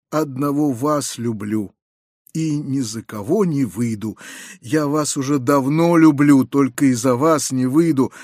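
A man reading an audiobook, voicing an anxious, kindly middle-aged uncle who confides in hushed, lowered tones with hurried outbursts. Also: no room sound, clean studio sound. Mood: agitated.

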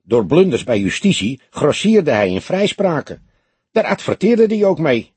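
Picture a slight, nervous café owner with a raised, husky, breathy voice, played by a male audiobook reader, leaning in to share underworld rumours in a knowing, confiding tone. His voice swoops up and down. The recording is dry and close. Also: fairly high pitch, big pitch swings, unhurried, darkish tone, no room sound, pitched above the performer's own voice, exaggerated voice.

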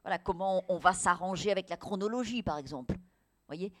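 A woman's voice: fairly low pitch, a little fast. A woman writer as a guest on a radio interview, talking hesitantly with many fillers, then pressing her points with emphasis.

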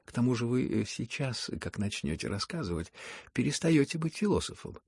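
A curious young woman, eager and insistent, pushing her question with lifted, louder tones, as a male reader puts her on. Beneath the lift, the voice stays husky and gravelly. It is recorded close and dry. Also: very animated, fairly quick, no echo, exaggerated voice. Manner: eager, pressing, talks louder and higher.

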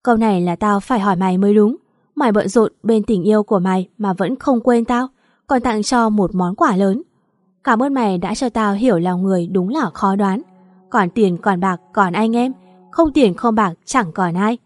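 A woman's voice: medium pitch, normal speed, darkish tone, no echo, soft background music, lightly acted. Woman doing angry young guy voice, harsh and scornful, dry close sound. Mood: bitter. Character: furious young man, bitter and accusing.

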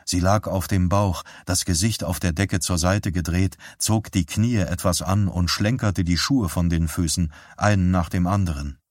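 Deep husky guy reading an audiobook, calm and measured, dry close sound. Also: no room sound. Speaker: audiobook narrator. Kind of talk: scripted narration.

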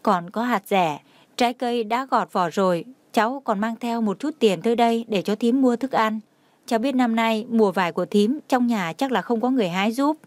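A woman's voice: a little high, brisk, no echo, close to an everyday voice. A woman voicing a tearful young woman who sobs and pleads for forgiveness. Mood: pleading. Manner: sobbing, pleading.

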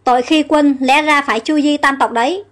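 A woman voicing a rough palace soldier who scolds a prisoner. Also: sits high, steady tone, fairly quick, soft background music, close to an everyday voice. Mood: gruff.

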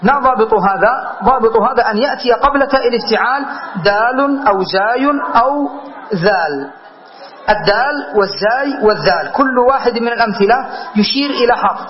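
A man's voice: very high voice, expressive, a little fast, crowd noise. A sheikh teaching Arabic grammar in a classroom lesson, explaining step by step and checking whether his listeners follow. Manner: patient step-by-step explaining, checks understanding with questions. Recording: dull lo-fi lecture recording.

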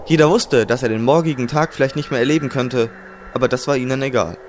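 A man narrating a dramatic fantasy audiobook in a measured storytelling manner. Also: mid-range voice, a little hiss or hum. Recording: loud music under narration.

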